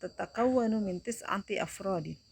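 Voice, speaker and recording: A curious schoolboy asks about a friend's family in a textbook dialogue, voiced by a woman teacher reading aloud. The questions come a touch raised and crisp, with a slight fry in the voice. Faint crickets chirp in the background. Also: medium pitch, moderate pace, a little mellow, slight background noise, lightly acted. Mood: inquisitive.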